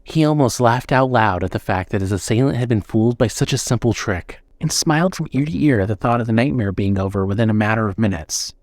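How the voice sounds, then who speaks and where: A man narrating a horror story in a steady, suspenseful reading style. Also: on the low side, fast, hardly any pauses, no room sound.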